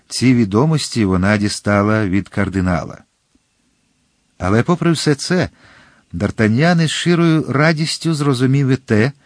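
A man narrating an audiobook in a measured, expressive way. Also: fairly low pitch, no room sound, clean studio sound.

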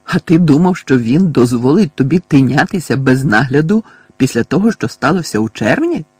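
A man reading an audiobook voices a shrill, furious old woman, a bossy neighbour who shrieks and scolds. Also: animated, normal speed, darkish tone, breathy edge, no room sound. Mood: scolding.

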